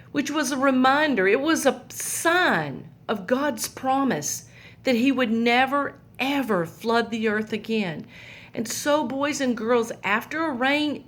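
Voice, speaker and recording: A woman with a voice on the high side tells a Bible story to young children, gently and patiently pointing out the pictures.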